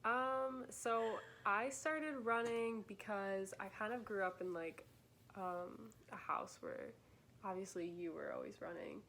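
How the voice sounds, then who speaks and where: Chatty and laughing, this young vlog host from Michigan fills her casual on-camera talk with "like" and "um". She has a medium-pitched, gravelly, fairly bright voice and speaks a little slowly, with slight background noise behind her.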